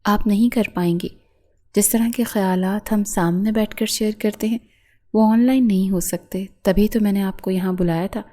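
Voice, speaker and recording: A woman's voice: mid-range voice, steady tone, dark tone, lightly acted. A woman voicing a worried, caring older brother. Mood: concerned.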